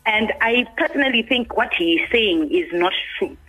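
An indignant woman caller, sounding bright and a little husky. She comes through a thin phone line, with soft music playing underneath. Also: fairly high pitch, animated, normal speed. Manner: indignant, insistent, repeats words. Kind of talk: call-in radio question.

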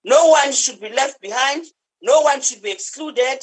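A woman's voice: high-pitched, a little slow, slightly rough. A South African woman reading a formal political speech in parliament in an earnest, declarative way. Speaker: member of parliament giving a speech.

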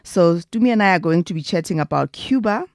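A woman's voice: on the low side, expressive, fast, a little mellow, no room sound, clean studio sound. A young adult woman with a South African accent, hosting a casual travel podcast in a chatty, enthusiastic way. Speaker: podcast host.

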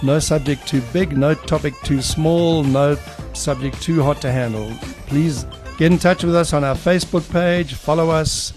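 A jovial man in his sixties, co-hosting a podcast in an energetic, chatty presenter manner. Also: on the high side, moderate pace, faint music behind. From South Africa. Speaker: podcast co-host. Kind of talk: casual podcast chat.

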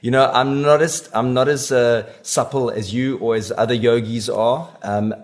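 A man's voice: mid-range voice, fairly even intonation, normal speed. A man with a South African accent, chatting expressively and casually as an author guest on a radio show. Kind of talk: casual interview chat.

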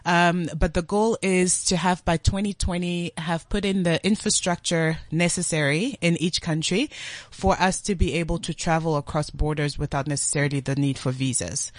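A woman's voice: on the low side, fairly even intonation, normal speed, no echo. A woman from Congo who grew up in South Africa, a studio guest in an interview, arguing earnestly in numbered points. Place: radio studio.

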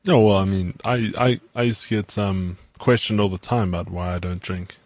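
A man's voice: sits low, fairly even intonation, normal speed, a little mellow, no room sound. A man in a casual chat, earnest, explaining his views with everyday examples and a few stumbling starts.

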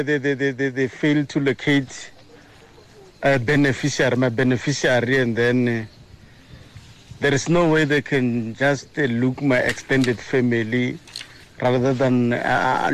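A man leaving a halting question in a recorded voice message, played back on a radio talk show. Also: medium pitch, poor audio. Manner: halting, stumbles over repeated words.

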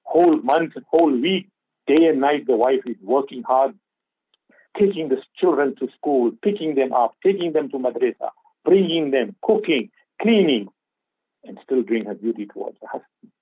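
A man's voice: medium pitch, lively intonation, normal speed, breathy edge, no room sound, phone-quality sound. Preachy man on radio. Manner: preachy, repeats key phrases for emphasis. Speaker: Islamic scholar on radio. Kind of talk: advice talk on a radio show.

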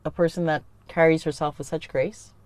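A woman hosting a casual chat, playful and joking, and quick to laugh at herself. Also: low-pitched, steady tone, a little mellow. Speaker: podcast host.

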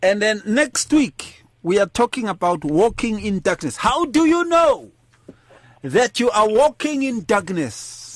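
Casting: South African male radio host, casual, higher-pitched, very animated delivery, code-switches mid-sentence. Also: no echo. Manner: mixes English with a Nguni language. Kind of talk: casual talk show hosting.

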